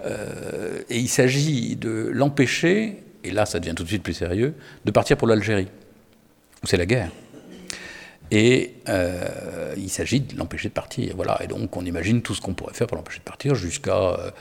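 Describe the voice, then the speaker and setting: A man's voice: fairly low pitch, lively intonation, normal speed, gravelly, in a large hall. A man talking about literature as an editor, hesitant, with many fillers and restarts. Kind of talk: spoken literary discussion.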